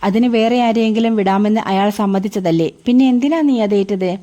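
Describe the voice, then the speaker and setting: A woman's voice: medium pitch, brisk, mellow, lightly acted. A woman reading the lines of a worried young man who scolds and questions his friend. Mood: questioning. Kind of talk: audiobook character reading.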